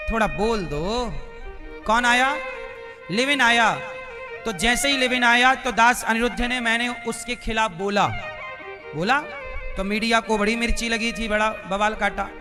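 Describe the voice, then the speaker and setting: A man preaching a live devotional sermon, repeating his points with emphasis and asking the crowd rhetorical questions that they answer aloud. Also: high voice. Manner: repetitive, emphatic teaching cadence. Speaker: preacher giving a religious discourse.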